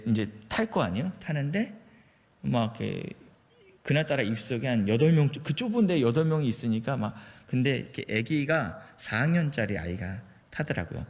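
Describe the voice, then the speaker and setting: Male pastor from Jeolla, chatty self-mocking sermon anecdote, mid pitch, church reverb. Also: darkish tone. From Jeolla, South Korea. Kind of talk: sermon storytelling. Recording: echoey church hall.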